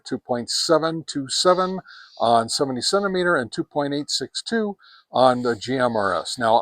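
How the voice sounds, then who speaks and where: Outdoors on a deck, a man hosts a casual, hands-on gear review, speaking folksily and repeating words for emphasis. His mid-range voice is a bit bright, with no echo, and he acts as both product reviewer and host.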